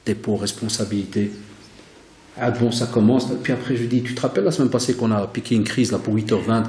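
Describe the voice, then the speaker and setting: A man who teaches religion, giving an animated religious lecture full of stories and Arabic religious phrases. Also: lowish voice, a little fast. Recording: roomy hall reverb.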